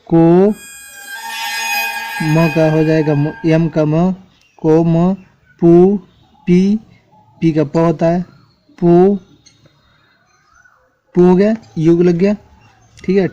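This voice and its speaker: A man's voice: a little high, dark tone. A man teaching an English spelling lesson at a board, spelling words out letter by letter and checking in with the class often.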